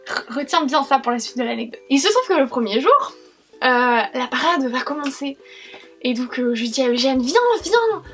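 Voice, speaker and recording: A woman's voice: high-pitched, a bit bright. A young woman chatting casually in a haul vlog, rambling with many fillers and restarts. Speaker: vlogger.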